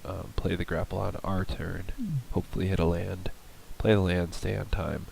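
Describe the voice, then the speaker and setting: A man's voice: low-pitched, flat delivery, normal speed, gravelly, a little mellow, low-quality recording. Man, nasal from a cold, hesitant think-aloud game commentary, faint background hiss. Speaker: card game player commentating his match. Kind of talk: casual gameplay commentary.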